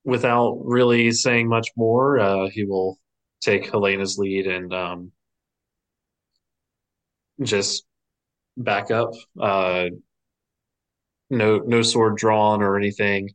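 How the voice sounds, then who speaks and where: A man's voice: on the low side, fairly even intonation, slow pace, pauses often, low-quality recording. A man player casually narrating what his character does in a tabletop game. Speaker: tabletop role-play player.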